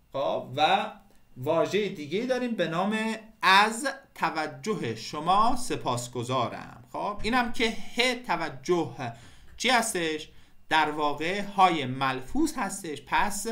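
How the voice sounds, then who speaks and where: A man with an Iranian Persian accent walks through a software tutorial step by step, pausing on fillers as he explains. His voice sits a little high and rings bright and forceful. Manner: explanatory, talks the viewer through each step with frequent fillers. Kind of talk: screen-recorded software tutorial.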